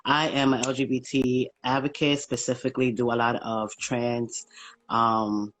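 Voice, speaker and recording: A man from Brooklyn with a New York accent, a guest talking haltingly with many ums and likes in a casual livestream interview. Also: mid-range voice, little pitch movement, fairly bright tone, rough recording. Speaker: guest, small business founder. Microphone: phone livestream.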